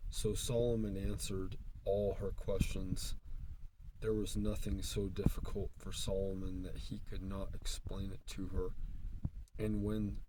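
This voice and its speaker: A man reading scripture aloud in a stiff, halting way, in short broken phrases, on a noisy recording with clicks. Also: fairly low pitch. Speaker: Bible reader.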